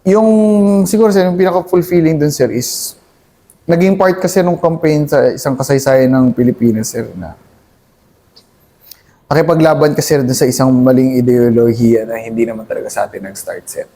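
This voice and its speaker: A man in his thirties, an army captain, earnestly recounting combat in a halting, deferential way, addressing his host as "sir" constantly. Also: medium pitch, warm tone. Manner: deferential, says "sir" nearly every phrase; earnest, halting storytelling with many restarts. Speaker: army captain, interview guest. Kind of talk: conversational war recollection.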